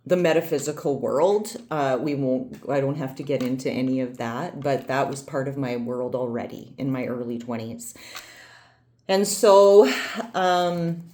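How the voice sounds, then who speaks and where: A woman's voice: rumbling low, dark tone. A woman in her forties telling a personal story in a meandering, chatty way, often correcting herself. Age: 40s. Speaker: vlogger. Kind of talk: casual storytelling.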